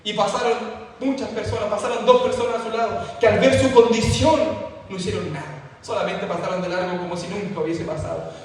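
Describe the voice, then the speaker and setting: A male pastor preaching a fervent sermon, repeating phrases as his emphasis builds, heard in a church hall. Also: high voice. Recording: echoey hall from far off, faint noise.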